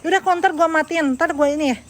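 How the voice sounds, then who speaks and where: A woman's voice: high-pitched, fast talker. A woman vlogger outdoors in front of a house, filming herself on a phone as she angrily confronts a man and talks to her viewers. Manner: agitated, accusing, addressing viewers. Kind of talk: heated live confrontation.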